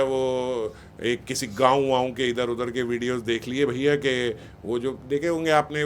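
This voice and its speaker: A man's voice: medium pitch, a little hiss or hum. Man giving a scolding talk on parenting. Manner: conversational and scolding, quoting parents and teachers. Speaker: spiritual speaker. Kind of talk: spiritual discourse on parenting.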